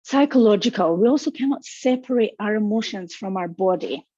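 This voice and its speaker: A woman counsellor with a strong Scottish accent talks briskly and animatedly in a mid-range voice during a webinar. She reassures her listeners warmly, speaking right to them. Dry, dull lo-fi webinar audio with no echo.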